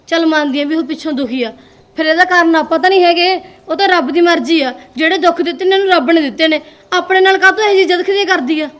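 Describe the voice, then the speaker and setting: An actress playing a resentful young daughter-in-law who argues and complains. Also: female voice, very high-pitched, fast, fairly bright tone. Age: young adult. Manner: complaining, argumentative.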